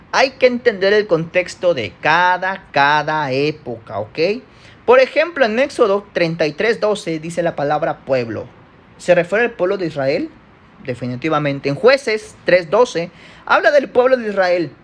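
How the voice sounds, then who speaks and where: Mexican guy teaching bible study at church, chatty, keeps checking in with the class. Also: sits high. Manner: conversational, checks in with listeners, self-correcting. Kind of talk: church Bible lesson with slides.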